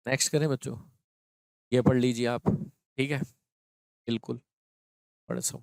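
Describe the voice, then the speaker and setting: Male teacher, clear voice, dry sound. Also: mid-range voice, fairly even intonation, normal speed, dry recording. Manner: explains step by step, often checks in with students. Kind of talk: exam prep grammar lesson.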